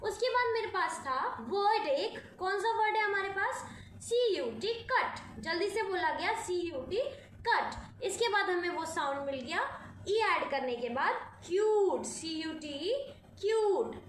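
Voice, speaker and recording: Teacher lady, very high voice, slow, spells words out then says them, echoey room w faint hiss. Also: animated, a bit bright. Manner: slow, repeats each word after spelling it out; mixes Hindi and English, asks questions and answers them. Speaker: English teacher. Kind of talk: phonics lesson.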